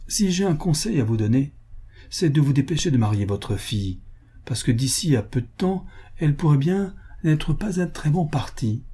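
A man's voice: mid-range voice, sing-song, moderate pace, mellow, husky, voice pushed up. A man voicing a scheming older baroness who arranges marriages, speaking in a pointed, incisive tone. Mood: haughty pointed. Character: scheming older female matchmaker baroness, haughty.

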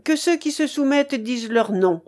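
A woman reading the part of a brisk male ship's officer calling out orders. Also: high voice, animated, a little mellow, pitched above the performer's own voice. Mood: urgent.

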